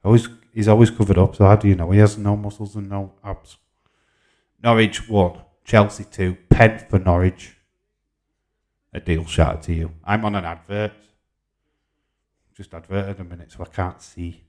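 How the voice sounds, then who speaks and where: A man from Yorkshire, England, in his forties, hosts a relaxed livestream with a Yorkshire accent, reading comments out and joking informally in response. His voice is on the low side and a little mellow, steady in tone, at normal speed with frequent pauses.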